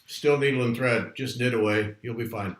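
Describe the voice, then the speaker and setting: A man's voice: mid-range voice, moderate pace, a little hiss or hum. A man's voice in a middle register rings around a bare, unsoundproofed room with a strong echo. He hosts a casual livestream chat, chatty and rambling as he talks to viewers. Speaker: host. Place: room at home, not soundproofed.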